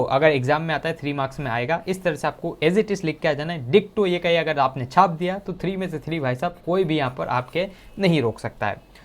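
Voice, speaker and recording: A male teacher with a slightly high voice explains exam answers step by step. He talks casually and directly to his students, often calling them "bhai sahab". His is full of English technical terms. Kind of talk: exam-prep lesson.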